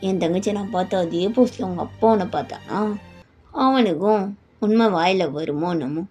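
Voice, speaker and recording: A woman's voice: on the low side, moderate pace, warm tone, husky, soft background music. A woman voicing a menacing young man who wants revenge, speaking in threats and mockery. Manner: threatening, mocking.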